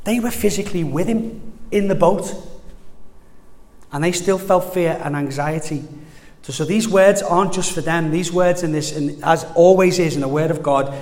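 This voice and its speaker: An earnest man preaches in a chatty, heartfelt way, circling back and restarting phrases as he goes. His voice sits a little high for a man. A long reverb trails every line, as in a large church hall. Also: darkish tone. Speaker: pastor. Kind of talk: sermon.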